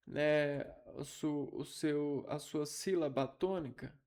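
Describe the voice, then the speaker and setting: A man giving an informal linguistics lesson, halting and thinking aloud as he repeats syllables. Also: fairly high pitch, a little mellow. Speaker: teacher.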